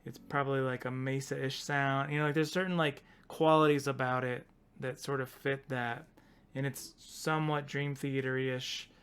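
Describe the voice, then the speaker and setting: A man's voice: mid-range voice, little pitch movement, normal speed, a bit bright, smooth. A man co-hosting a podcast in casual chat, rambling and laughing as he talks things through. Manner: rambling, self-interrupting, laughs often. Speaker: podcast co-host.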